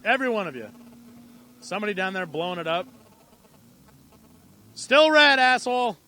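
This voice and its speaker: High, bright-voiced irreverent race announcer. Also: male voice, moderate pace, slight background noise. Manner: irreverent, profane and excitable. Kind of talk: live race commentary. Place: outdoors at an amateur racetrack.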